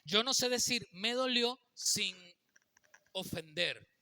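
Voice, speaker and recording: A man's voice: high-pitched, lively intonation, slow pace, bright, forceful tone, no room sound. A man giving a faith-based teaching talk on marriage, speaking emphatically and often checking in with his listeners.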